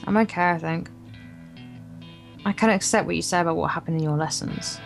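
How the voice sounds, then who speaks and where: As a guest co-player in an informal let's play, a woman with a slightly low, somewhat creaky voice reads a visual novel's narration aloud, a little fast. She occasionally stumbles over a word and keeps going, while the game's guitar music plays softly behind her.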